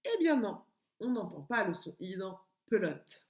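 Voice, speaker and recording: Slow, lilting teacher voice for small kids; a woman, home lesson, echoey room. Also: medium pitch, very animated, a little mellow. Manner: slow, sing-song, stretching out sounds for small children. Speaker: kindergarten teacher. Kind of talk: home-schooling lesson video for young children.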